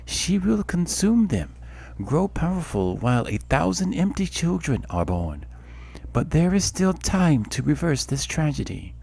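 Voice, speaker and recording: A man voicing a solemn, commanding goddess in a fantasy game, with measured, poetic delivery. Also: on the high side, sing-song, creaky, darkish tone, slightly rough, voice pushed up, full character voice. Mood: grave, commanding. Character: solemn, commanding goddess speaking through birdsong and wind. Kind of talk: amateur voice acting in a fantasy game.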